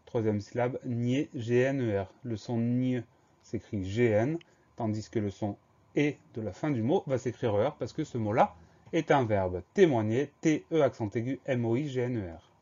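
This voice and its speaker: A man's voice: mid-range voice, moderate pace, dark tone, highs cut off. A male teacher leading a spelling lesson, carefully spelling words out letter by letter. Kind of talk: dictation lesson.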